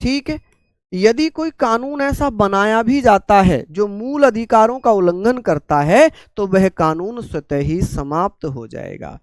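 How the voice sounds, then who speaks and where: A man from India with a sore, infected throat, teaching a live online class slowly and calmly, repeating points and asking his students questions. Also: sits high, no room sound.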